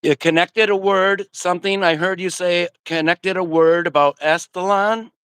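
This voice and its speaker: A man's voice: sits high, steady tone, normal speed, fairly bright tone, clear, resonant tone, no echo. A man on a video call joining a live stream, patiently repeating himself over a choppy connection. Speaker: guest calling in to a live stream. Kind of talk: casual chat.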